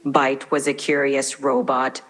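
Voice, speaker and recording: A woman's voice: a bass voice, a little slow, voice pushed down, exaggerated voice. A female AI voice doing a metallic robot voice. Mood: mechanical. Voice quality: synthetic. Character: droning female robot storyteller. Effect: flat metallic robot voice. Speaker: AI voice assistant. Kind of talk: bedtime story read in a robot voice. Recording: played from a demo video.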